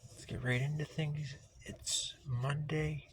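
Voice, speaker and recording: A man with a raspy voice, chatting casually as a vlogger. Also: fairly high pitch, little pitch movement, slow pace, a little hiss or hum. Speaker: vlogger opening a card pack. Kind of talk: casual vlog chat.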